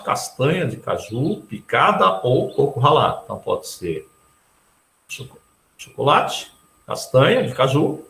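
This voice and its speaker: A man's voice: medium pitch, a bit bright. A middle-aged man from Brazil teaching a recorded math lecture. He explains step by step and keeps checking in with his students with short questioning tags. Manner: explains step by step, tags nearly every sentence with a questioning tag. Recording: echoey room.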